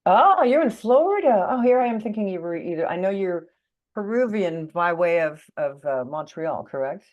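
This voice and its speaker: A woman's voice: lowish voice, lively intonation, normal speed, dull audio. A woman hosting an interview who sounds a little tired, chatty and scattered, with many fillers. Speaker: interviewer host. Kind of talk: casual interview talk.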